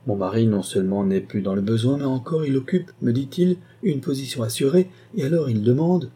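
Scheming young governess, measured and pointed; a man reads her, husky and mellow. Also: mid-range voice, voice pushed up, natural voice. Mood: earnest. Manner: measured, pointed, deliberately detaching words. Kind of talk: audiobook character reading.

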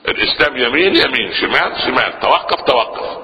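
A man preaching a lively sermon in an Egyptian accent, firing questions at his listeners, answering them himself and stumbling into restarts. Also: mid-range voice, fairly quick, in a large hall, slight background noise, low-quality recording. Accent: Egyptian Arabic. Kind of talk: Islamic sermon lesson.

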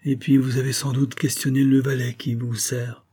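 A man voicing a gentle, mysterious young woman in an audiobook, speaking softly, sadly and with quiet command. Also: mid-range voice, normal speed, breathy edge, voice pushed up, lightly acted. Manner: soft, sad and commanding. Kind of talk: audiobook reading.

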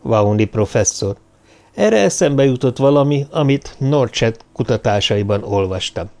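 Chill probing dude in an audiobook, guy reading him, medium pitch. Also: lively intonation, a little mellow, lightly acted.

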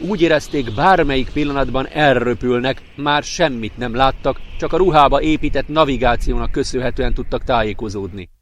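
A man narrating a science fiction audiobook in a calm, even manner. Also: medium pitch, hardly any pauses. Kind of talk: scripted narration.

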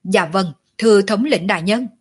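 A woman's voice: medium pitch, normal speed, husky. Woman reading as complicit rehearsed enforcers. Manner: loud, rehearsed unison answers. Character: group of male law enforcers, rehearsed and complicit.

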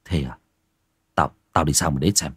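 A man voicing a blunt village clerk who answers in low, curt words. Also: moderate pace, fairly bright tone, husky, dry recording, clean studio sound, exaggerated voice.

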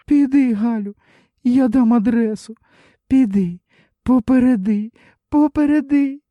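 A man's voice: very high voice, measured pace, dry recording, muffled recording, voice pushed up. A man voicing a hysterical middle-aged mother who shrieks her lines in frantic outbursts, in a literary audiobook reading.

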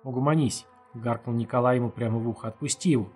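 A steady young man with a hoarse voice who speaks firmly and keeps the others in check, as a male narrator puts him on. He sounds tired but in control in this audiobook, faint music behind. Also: medium pitch, fast, close to an everyday voice. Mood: commanding. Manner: firm, commanding. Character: steady young man, firm and weary leader.

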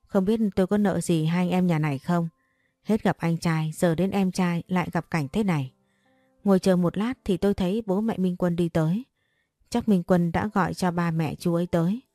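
A woman's voice: on the low side, steady tone, moderate pace, dark tone, no room sound. A woman narrating a first-person audio story, reading every character's lines in her own voice.

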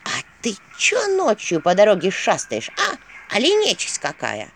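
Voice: mid-range voice, huge pitch swings, normal speed, creaky, a bit bright, a little hiss or hum, full character voice. A reader voicing a suspicious old village woman in a fairy tale, mumbling and bossy, with folksy speech. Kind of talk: audiobook character voice.

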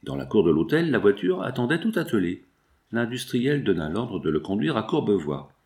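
Low-voiced man narrating a novel. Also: moderate pace. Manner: expressive, dramatic. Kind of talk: dramatic audiobook narration.

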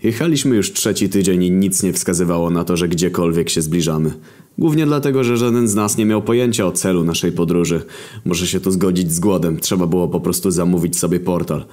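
Reading from a script at a steady, unhurried pace, a man narrates a story in a crude, deadpan voice that is very deep and low.

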